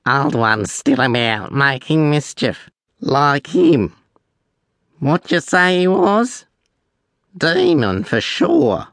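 A man voicing a small, scraggly, stoat-like Celtic sailor with a cawing, gravelly voice. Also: medium pitch, sing-song, slow pace, a bit bright, no room sound, studio quality, pitched above the performer's own voice, exaggerated voice. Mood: jeering.

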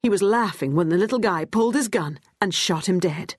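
A woman's voice: medium pitch, animated, a little fast, slightly rough, no echo, studio quality, voice pushed up. A woman reading an audiobook, voicing a grieving New York mother who pleads in bewilderment. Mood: bewildered grief.

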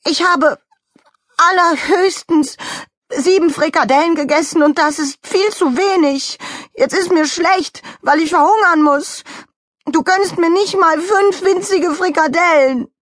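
A woman voicing a small, greedy male rabbit who whines, shouts and nearly cries in a children's audiobook. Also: high voice, normal speed, few pauses, no room sound, clean studio sound, voice pushed up. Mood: whiny and upset. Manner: whiny, shouting, near tears.

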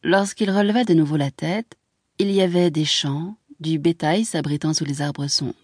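A woman narrating a literary audiobook in a measured, expressive reading voice. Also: low voice, no room sound, studio quality.

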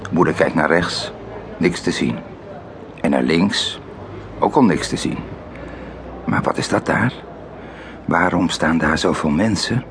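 A man narrating a children's audiobook in an expressive way, dropping to a whisper at tense moments. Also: deep voice, background noise. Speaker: storyteller.

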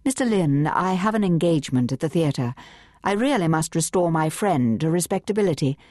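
Narrator playing poised young woman, brisk and self-assured, expressive. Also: sits low, dry recording, clean studio sound. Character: confident witty sophisticated young woman.

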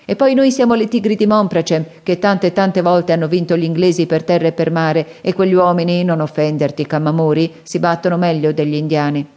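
A woman's voice: lowish voice, steady tone, a little fast, hardly any pauses, darkish tone, natural voice. A woman voicing Sandokan, the proud pirate chief. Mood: commanding. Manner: imperious, barks orders.

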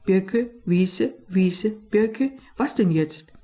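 A woman voicing a greedy, slow-witted fat male sparrow in a storybook reading, whining and complaining. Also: mid-range voice, animated, mellow, breathy edge, heavily acted. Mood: grumbling. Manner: whiny, complaining.

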